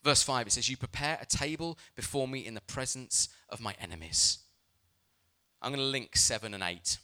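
Bright-voiced male pastor preaching. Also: mid-range voice, normal speed. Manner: emphatic preaching, mixed with lively personal storytelling. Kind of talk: sermon.

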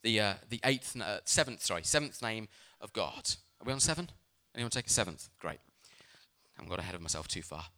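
A man preaching a sermon as a pastor, speaking with emphasis and telling lively personal stories. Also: fairly low pitch, fairly quick, few pauses.

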